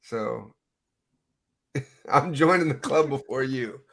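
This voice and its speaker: A man's voice: medium pitch, slow, creaky, fairly bright tone. A man in his late thirties hosts a podcast in chatty, casual talk over a video call. He pokes fun at himself and laughs easily as he rambles along. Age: 30s. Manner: chatty, self-deprecating, laughs often. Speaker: podcast host. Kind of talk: casual chat.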